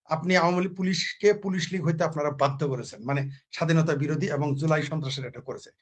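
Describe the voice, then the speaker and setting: A man's voice: fairly high pitch, fast talker. A man from Bangladesh speaking as a political commentator in a heated talk-show argument, full of rhetorical questions and repeated phrases.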